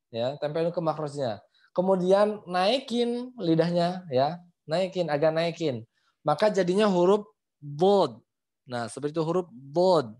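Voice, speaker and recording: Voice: medium pitch, a little mellow. A Quran recitation teacher giving a casual online lesson over a video call, repeating points and sounding out syllables aloud. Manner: repetitive, demonstrates sounds aloud, frequent "ya" and "gitu".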